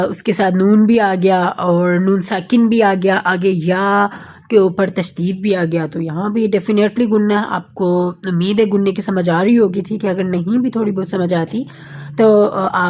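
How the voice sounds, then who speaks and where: Patient woman, Quran recitation teacher, mid-pitched voice, slows down to recite the Arabic examples. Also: a little mellow. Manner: patient, repeats points with frequent checking fillers. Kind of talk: online tajweed lesson.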